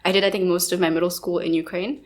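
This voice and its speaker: A woman's voice: lowish voice, little pitch movement, rapid-fire. A young woman from India co-hosting a student podcast, chatting casually with many fillers. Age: young adult. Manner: chatty, lots of "like" and "I feel like". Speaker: podcast co-host.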